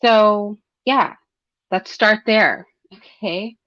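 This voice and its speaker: A woman's voice: mid-range voice, very slow, fairly bright tone, dry recording. A woman giving conversational solo opinion commentary, speaking informally and straight to listeners with rhetorical tag questions. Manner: frequent throat clearing. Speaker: host of a commentary livestream. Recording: dull, slightly lo-fi close dry sound.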